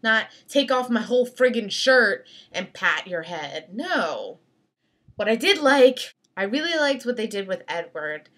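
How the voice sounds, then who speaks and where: A young adult woman chatting casually as a video blogger, giving opinions in a slangy, emphatic, animated way with exasperated emphasis. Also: fairly high pitch, a little slow. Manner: animated, acts out mock quotes. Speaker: video blogger reviewing film clips. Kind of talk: casual opinionated vlog chat.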